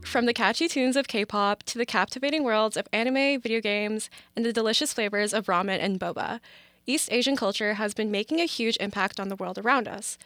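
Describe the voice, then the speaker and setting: A woman's voice: mid-range voice, a little fast, fairly bright tone, soft background music. A young woman from Canada hosting a casual campus radio chat, upbeat and full of filler words. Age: young adult. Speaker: podcast host.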